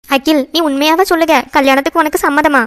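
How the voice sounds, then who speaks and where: A woman's voice: sits high, steady tone, quick pace, a bit bright, no echo, studio quality. A woman voicing an anxious, pleading cartoon mother. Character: middle-aged mother, anxious and emotional.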